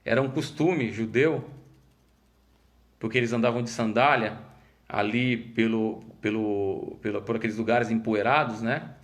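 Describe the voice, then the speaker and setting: A man's voice: fairly low pitch, steady tone, unhurried. A man with a Brazilian Portuguese accent, a pastor teaching a conversational Bible study who acts out the story's dialogue and often repeats words while he thinks.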